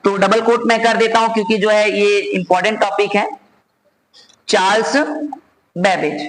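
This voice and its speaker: A man with an Indian accent teaching a computer class, dictating notes slowly word by word and switching to quicker asides addressed to his students. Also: high-pitched, level tone, fairly bright tone. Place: classroom at a board. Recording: echoey room, faint background noise.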